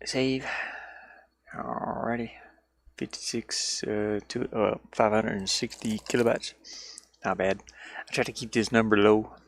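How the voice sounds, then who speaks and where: Inside a van, a streamer who also develops indie games chats casually on his livestream while working, playful, rambling, and easily sidetracked. His voice is on the low side, fairly even in intonation, unhurried, and often paused.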